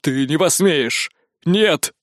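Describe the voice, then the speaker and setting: A man voicing a tired, disillusioned male artificial intelligence who speaks slowly and flatly in an audiobook. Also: no room sound, clean studio sound. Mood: pleading. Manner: slow, low and tired. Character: weary disillusioned male AI, cold and resigned.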